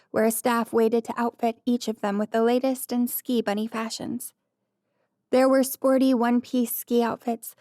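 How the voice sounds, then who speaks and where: A woman reading a light-hearted romance audiobook, in an even storytelling manner, close to the mic. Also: on the high side, no room sound. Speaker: audiobook narrator. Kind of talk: scripted narration.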